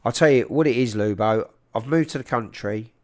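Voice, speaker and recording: A man with a South London accent hosts a casual livestream. His voice sits at an average pitch, and he talks informally and matily to his viewers, close up on a big microphone. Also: moderate pace. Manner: informal and matey, calling people "mate". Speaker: livestream host. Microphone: large microphone up close.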